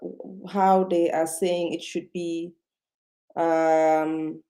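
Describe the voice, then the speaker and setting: A woman who speaks English as a second language talks to camera, seated indoors, in an unscripted self-help video. Her voice is on the low side, level and dark, delivered extremely slowly, and she hesitates with many fillers and restarts. The webcam or computer mic gives a rough recording.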